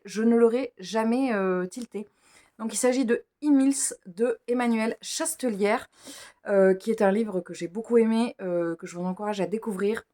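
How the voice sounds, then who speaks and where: A woman's voice: mid-range voice, darkish tone. A woman talks casually as she unboxes gifts for her book vlog. She chats freely, stumbles over author names and pokes fun at her own slips. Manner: chatty, stumbles over names, self-mocking. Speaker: book vlogger.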